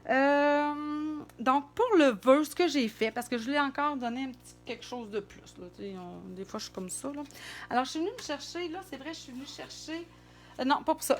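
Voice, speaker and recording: A middle-aged woman with a Québécois French accent, chatting casually and thinking aloud as she demonstrates card making. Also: high voice.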